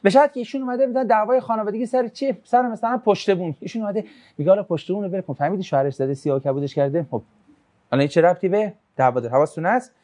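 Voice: medium pitch, warm tone. Religious teacher, chatty and jokey, reads out questions then answers them, falls into storytelling. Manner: casual, joking, reads student questions aloud then answers; shifts into storytelling when recounting a religious tradition. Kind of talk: conversational religious lesson.

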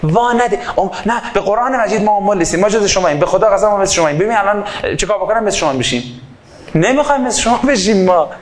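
Man, high voice, fervent sermon, loud outbursts and soft asides, acted-out dialogues, microphone. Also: animated. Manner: swings between loud fervor and quiet asides, acting out dialogues. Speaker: preacher. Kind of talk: impassioned sermon.

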